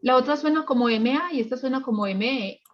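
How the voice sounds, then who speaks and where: A woman's voice: sits high, fast talker. A woman student in an online English class who answers briefly and repeats words to practise them. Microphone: video call microphone. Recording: dull, husky video-call audio.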